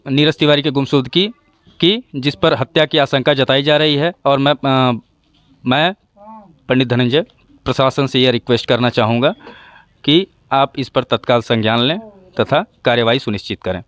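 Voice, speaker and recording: A man's voice: medium pitch, normal speed, a bit bright. A man reporting from a village, politely interviewing locals and closing with a formal appeal.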